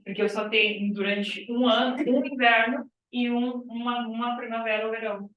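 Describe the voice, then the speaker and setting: A woman's voice: fairly high pitch, fairly even intonation, moderate pace, highs cut off, slight background noise. A female biology teacher lecturing a class, explaining step by step and checking in with "tá?". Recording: echoey classroom, far from mic.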